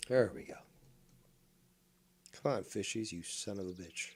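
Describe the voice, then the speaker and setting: Gravelly and husky, this man's mid-range voice carries rambling live commentary as he streams a fishing game. He plays it theatrical and mock-villainous, with crude jokes and constant swearing.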